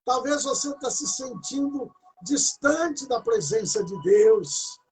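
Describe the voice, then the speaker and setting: A man preaching at a prayer service, exhorting fervently with repetition, loud bursts and moments of speaking in tongues. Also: very high voice, slow pace, husky, faint music behind, low-quality recording.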